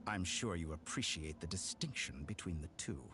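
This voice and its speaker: An actor playing a smug, theatrical villain scientist in a video game, polite yet mocking and grandiloquent. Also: male voice, sits low, lively intonation, normal speed, noisy background. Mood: haughty, assured.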